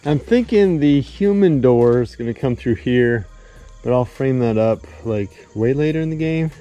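A man in his thirties chatting casually to the camera while framing a barn outdoors, thinking out loud in a rambling, laid-back way. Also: mid-range voice, lively intonation, normal speed, dry recording, lo-fi sound, faint music behind. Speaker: builder vlogger. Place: outdoors at a barn construction site. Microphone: action camera, sometimes head-mounted.

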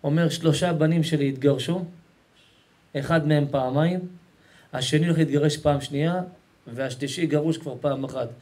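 A man's voice: a little high, fairly even intonation, dark tone. A male rabbi preaching a Torah lesson to a live audience, emphatic and repetitive, colloquial and affectionate with the crowd. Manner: repetitive, emphatic, keeps calling the audience to listen.

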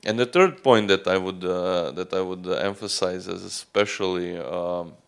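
A man's voice: deep voice, moderate pace, gravelly, clean tone. A man in his thirties from Croatia, giving a conference talk into a handheld microphone in a hotel meeting room, with many fillers and restarts. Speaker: student union representative.

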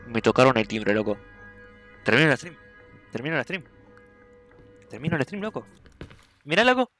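A man's voice: medium pitch, sing-song, moderate pace, a bit bright, soft background music. A young man with an Argentine accent commentating a horror game as a streamer, jumpy, screaming and swearing often while joking around. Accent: Argentine Spanish. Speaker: gaming streamer.

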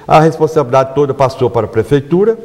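Older man, animated TV guest. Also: fairly high pitch, fast, long reverb tail. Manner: animated, repeats himself, self-corrects. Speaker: carnival band organizer, guest. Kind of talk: studio interview. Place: TV studio. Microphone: lapel mic.

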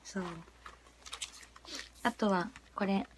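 A young woman chatting casually on a livestream, giggly, swinging between murmured asides and excited squeals. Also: mid-range voice, drawn-out words, slight background noise. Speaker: idol livestreamer.

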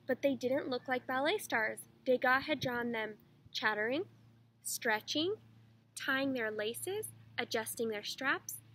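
High-voiced lady teacher reading a kids' picture book aloud, faint room hum.

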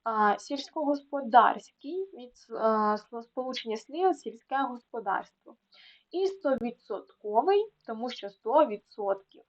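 A woman tutor explaining a lesson to students, repeating words slowly to contrast where the stress falls, with small fillers between them. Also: fairly high pitch, expressive. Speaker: Ukrainian language tutor. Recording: dull lo-fi sound.

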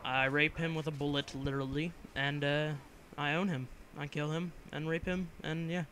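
Bright-voiced young gamer rambling over gameplay. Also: male voice, on the high side, little pitch movement, moderate pace, slight background noise. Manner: rambling, joking, filler-heavy. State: coughing from a cold. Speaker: gameplay commentator. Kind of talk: casual game commentary voice-over.

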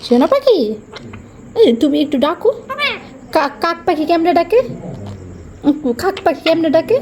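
A woman's voice: very high voice, normal speed, darkish tone, slight background noise. A woman coaxing her pet parrot to talk, in doting, sing-song baby talk.

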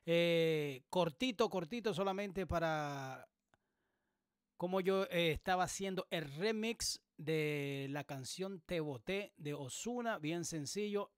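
A man hosting a music production tutorial, explaining things casually with many pauses and fillers. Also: fairly high pitch, clean tone, dry recording, clean studio sound. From Dominican Republic. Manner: relaxed, explanatory, many hesitations. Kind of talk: casual screen-recorded tutorial. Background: beat playing in the background.

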